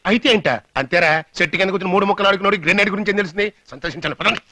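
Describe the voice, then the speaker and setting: A dubbing actor playing a scheming, fawning middle-aged uncle in a dubbed film, talking in a rapid, theatrical, wheedling way. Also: male voice, sits high, bright, forceful tone, no room sound. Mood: scolding. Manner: rapid, wheedling and theatrical, scolding then pleading. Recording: dry studio dub.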